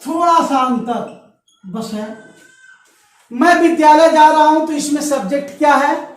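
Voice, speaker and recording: A man's voice: very high voice, a little slow. A male teacher giving a grammar lesson, asking questions and answering them himself, and dictating example sentences word by word. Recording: echoey room, voice from far off.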